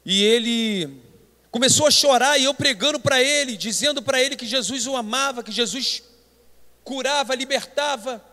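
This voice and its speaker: A man's voice: very high-pitched, normal speed, bright, forceful tone. A Brazilian man, a pastor, preaching a Sunday school sermon with emphatic delivery, often addressing the listeners as brothers. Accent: Brazilian Portuguese. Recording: long hall reverb.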